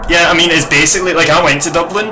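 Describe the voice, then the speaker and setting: A man's voice: a little high, steady tone, rapid-fire, noisy background. A man from Glasgow, telling wry, self-mocking stories in casual panel chat. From Glasgow, Scotland.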